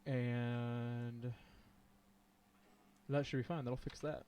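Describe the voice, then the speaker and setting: A man of ordinary pitch thinking aloud through a live coding session, rambling and dotting his talk with ums. He breaks off now and then to chat and laugh with his viewers, and a faint noise sits under his voice. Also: flat delivery, extremely slow, dark tone. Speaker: streamer. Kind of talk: live coding stream commentary.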